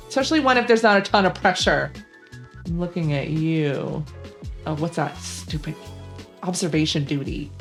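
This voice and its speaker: A young woman hosting a gaming channel, chatting casually and rambling with lots of fillers about games she likes. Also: lowish voice. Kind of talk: casual gaming vlog commentary.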